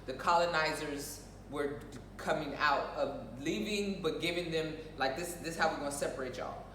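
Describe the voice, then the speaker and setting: Heard from a distant mic in an echoey room with a little noise, an American show co-host talks through her opinions in a casual, forceful way, repeating phrases for emphasis. Her voice sits low, a bit bright, at normal speed.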